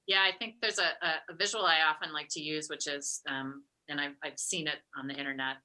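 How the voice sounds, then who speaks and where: Female coach guest, very low pitch, sharp and bright timbre, thoughtful and hesitant. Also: steady tone, fairly quick, rough recording. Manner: thoughtful, hesitant, many fillers and restarts. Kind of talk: casual interview chat.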